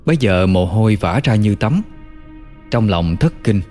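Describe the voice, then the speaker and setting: Low-voiced man narrating a folk tale. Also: expressive, measured pace, dark tone, long reverb tail, soft background music. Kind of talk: storytelling narration.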